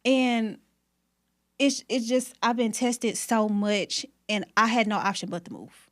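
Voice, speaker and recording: A woman's voice: on the high side, a little slow. A woman hairstylist, a podcast guest, talking candidly and emphatically about her work, money and faith. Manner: emphatic, faith-filled storytelling. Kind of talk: candid conversation.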